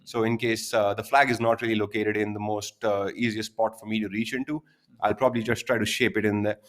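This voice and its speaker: A man giving live golf commentary in a measured, formal and polite way. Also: fairly low pitch, level tone.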